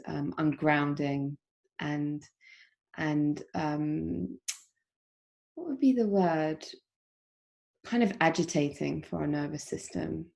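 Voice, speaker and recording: A woman with a low, soft voice guides an online yoga session. She speaks gently and without hurry, pausing often with soft ums as she explains. Her voice comes through a video call. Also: creaky. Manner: gentle, unhurried, with frequent soft pauses and ums. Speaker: yoga teacher. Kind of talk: guided meditation instruction.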